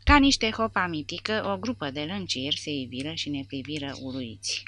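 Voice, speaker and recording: A woman narrating an audiobook in a measured, even reading. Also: low-pitched, no room sound.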